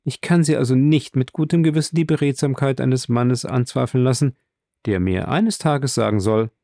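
A man's voice: mid-range voice, normal speed, dark tone, no room sound, clean studio sound, close to an everyday voice. A man voicing a polite, courteous young aristocratic viscount in a read-aloud novel. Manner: polite, slightly distracted.

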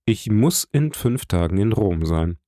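A man reading an audiobook, voicing a dignified count who speaks in a measured, gently persuasive way. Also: fairly low pitch, expressive, no room sound, studio quality. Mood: calm. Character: dignified aristocratic older count, calm and kindly. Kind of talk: audiobook character voice.

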